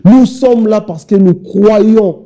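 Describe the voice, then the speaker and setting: His voice is high yet dark in tone, and he speaks slowly. He is a young man from Kinshasa with a Congolese French accent, serving as a party spokesman and making insistent, repetitive speeches in a televised interview.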